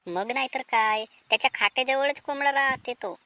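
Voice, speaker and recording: Timid village thieves in a cartoon, hatching a clumsy plan in hushed, conspiring tones, voiced by a woman. They speak with a Vidarbha Marathi accent. The voice is somewhat high. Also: moderate pace. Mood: plotting. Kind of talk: cartoon drama voice acting.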